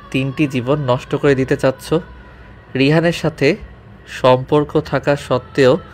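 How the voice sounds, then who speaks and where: An actor playing a brooding young male office boss who speaks quietly and reproachfully. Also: mid-range voice, close to an everyday voice.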